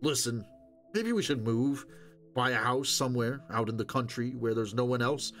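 A man's voice: medium pitch, normal speed, a bit bright, soft background music, lightly acted. A man voicing a curt, weary scavenger who speaks wryly to his wife. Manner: curt, wry, mumbling.

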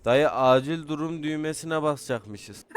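A young man chatting casually with friends while playing a multiplayer game, joking loudly, swearing and repeating words in quick bursts. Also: medium pitch, expressive, clear, resonant tone. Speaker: gamer.

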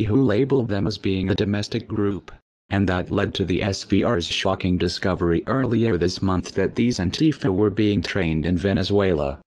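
Man, disguised deep voice, ominous scripted narration, dry close sound. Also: a little mellow, no room sound. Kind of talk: scripted narration of an anonymous message.

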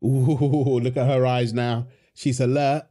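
A man speaks slowly and flatly at a medium pitch, his voice mellow. Performing a wholesome audio roleplay, he is a husband and dad who playfully teases his partner and coos fondly at their baby.

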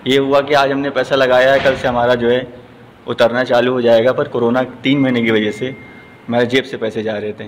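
Brief: middle-aged male gym owner, plain and steady, echoey gym hall. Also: mid-range voice, moderate pace. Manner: plain, steady answers with frequent "ji". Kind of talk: news interview. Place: large indoor gym. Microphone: handheld news mic. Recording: long hall reverb, faint noise.

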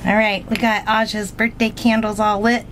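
Chatty high-voiced woman vlogging. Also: little pitch movement, normal speed, a bit bright. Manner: chatty, coos at the dog. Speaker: vlog host. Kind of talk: casual travel vlog chat. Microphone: handheld phone camera. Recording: noisy phone recording.

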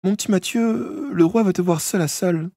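A man voicing an anxious, gentle mother in an audiobook, speaking slowly in a very high voice. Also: no room sound, clean studio sound. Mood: strained. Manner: soft, slow, strained. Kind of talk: audiobook character voice.

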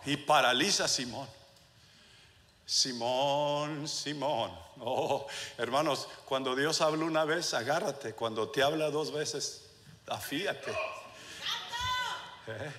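Pastor preaching slow, soft then shouting, reverby church hall with faint hum. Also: male voice, medium pitch. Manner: swings from soft to shouted preaching, with asides to the congregation; slips into English phrases. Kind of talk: sermon. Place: church sanctuary.

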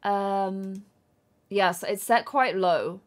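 A young woman chatting excitedly while live-streaming a game, laughing often. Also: medium pitch, drawn-out words.

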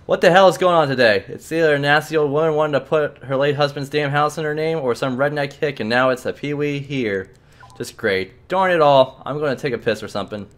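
A man's voice: fairly high pitch, brisk, a bit bright, voice pushed up, close to an everyday voice. A man voicing a rude, bored, heavyset male archive clerk who grumbles and brushes people off, reading a game's dialogue aloud. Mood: surly. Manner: surly, dismissive, grumbling.

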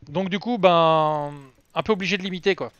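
Streamer, homme, voix haute et nette, parle en vrac, son sec. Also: male voice, sits high, normal speed, fairly bright tone, clean tone, no echo. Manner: rambling, self-mocking, many fillers. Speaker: game streamer. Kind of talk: casual live-stream chat. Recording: dry, slightly dull lo-fi sound.

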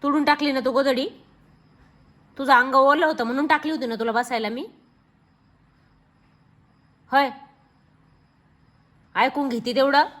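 A woman vlogger at home, scolding and asking the same sharp question again and again. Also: sits high, steady tone, measured pace, long pauses. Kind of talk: casual home video.

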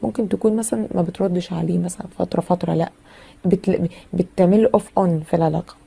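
A woman's voice: lowish voice, steady tone, fast, gravelly, mellow, breathy edge. A woman with an Egyptian Arabic accent giving a chatty, casual tarot reading full of fillers and teasing asides. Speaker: tarot reader.

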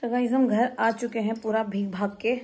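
A young woman vlogging at home, telling a lively story to her viewers in a casual chat. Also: fairly high pitch, moderate pace, very noisy. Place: home, indoors.

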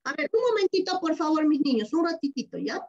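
She speaks fast in a high, animated voice with a darkish tone and a Peruvian Spanish accent. Teaching primary students online, this Peruvian woman is patient and affectionate, using questions to coax answers and repeating key words. The video call sound is dull and lo-fi.

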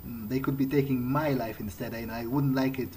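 A man plays a video game and improvises in character, thinking aloud in a hesitant way. His medium-pitched voice is steady, warm and fairly quick, and the recording is clearly noisy with game ambience running underneath.

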